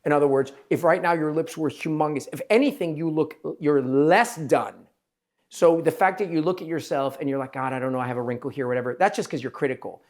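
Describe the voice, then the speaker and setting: A man hosting an interview as a plastic surgeon, talking directly and lively, acting out quotes of others in his speech. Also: on the high side, a little fast. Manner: direct, animated, acts out quotes in his talk. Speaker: plastic surgeon, podcast host. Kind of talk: conversational interview.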